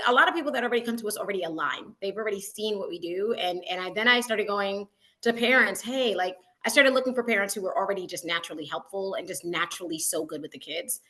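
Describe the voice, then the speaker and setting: A woman with a mid-range, fairly bright voice is a guest in an interview, joining by video call from the school she founded. She talks casually and bubbly, leaning heavily on "like" and "you know what I mean."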